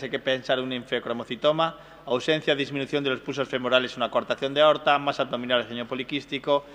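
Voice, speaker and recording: A man teaching a brisk exam-prep medical lecture, often checking in with his listeners. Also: mid-range voice, fairly bright tone. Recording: hall reverb.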